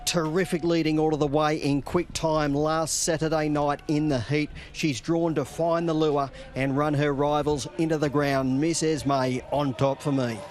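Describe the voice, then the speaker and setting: A man's voice: fairly high pitch, steady tone, a little slow, few pauses. An Australian man giving a betting tipster's preview as a greyhound racing co-commentator.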